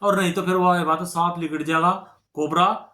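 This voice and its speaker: High-voiced coaching teacher. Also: male voice, fairly even intonation, moderate pace, pushed and bright, echoey room. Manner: repetitive, keeps checking with "ठीक है ना"; calls students brother and friends, coaxing. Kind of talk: reasoning lesson at a whiteboard.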